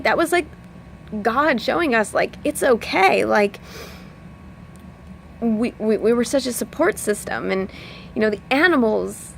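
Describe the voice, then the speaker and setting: A woman's voice: sits high, vocal fry, fairly bright tone, a little hiss or hum. A woman coach talking in a casual, earnest way, rambling with lots of filler words and speaking openly about her feelings. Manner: rambling, full of "like" and "you know". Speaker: personal development coach. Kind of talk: casual heartfelt vlog talk.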